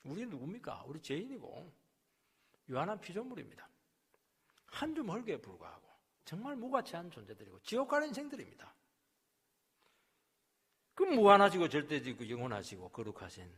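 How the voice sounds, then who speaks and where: A male pastor delivers a sermon in a church sanctuary, his voice carrying a long hall reverb. His pitch sits a little high and leaps widely, and there is a husky edge to it. He drops to near-whispers, then climbs to loud, emphatic peaks. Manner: swings from quiet asides to loud emphatic preaching; acts out quoted complaints and rebukes.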